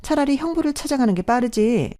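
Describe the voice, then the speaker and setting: A woman's voice: high-pitched, lively intonation, a little fast, warm tone, voice pushed up. A woman voicing a spoiled, rude young half-sister who talks in a snippy, whiny way, read as storybook dialogue.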